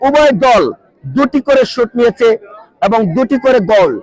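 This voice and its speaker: A man calls a local penalty shootout live from an outdoor ground. He keeps repeating players' names and nicknames, and he breaks into shouts each time a goal goes in. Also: very high voice, normal speed, poor audio. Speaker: football commentator. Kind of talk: live sports commentary.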